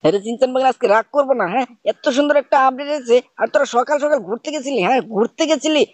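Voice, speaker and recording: Talking rapid-fire in a high register, this gaming host scolds like an uncle during playful gameplay commentary, repeatedly demanding "bujhchhis?" The recording is dry.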